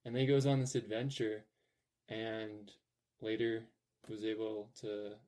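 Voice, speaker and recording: Young male podcast host, mellow tone, rambling and upbeat, filler-heavy. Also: fairly low pitch, flat delivery, unhurried, slight background noise. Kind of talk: casual podcast chat.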